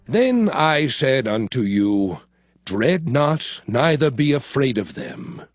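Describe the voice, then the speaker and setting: A man voices Moses, the aged, solemn prophet and leader, in a dramatized scripture narration recorded in a studio over background music. His mid-range voice is very animated in a full character performance, yet the recounting stays slow, solemn, and dramatic.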